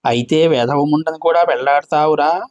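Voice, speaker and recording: A man reading as a curious young widowed village woman in a read-aloud play. She asks plain, questioning lines in a fairly high voice that stays close to the reader's own. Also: normal speed, a little mellow, no room sound, muffled recording, natural voice.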